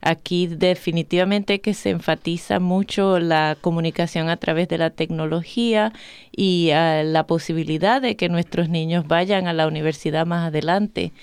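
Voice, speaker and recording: A woman's voice: on the low side, fairly even intonation, moderate pace, darkish tone, clear, resonant tone, no room sound. A woman with a Puerto Rican accent, an educator explaining her views earnestly as a guest on a radio talk show. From Puerto Rico.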